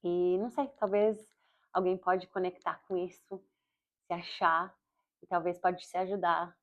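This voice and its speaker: A Brazilian-born woman in her forties with an American-accented Portuguese, talking fast and rambling with self-corrections in a casual video diary. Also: lowish voice, little pitch movement. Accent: Portuguese with an American English accent. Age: 40s. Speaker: vlogger and comedian. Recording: slightly dull lo-fi audio.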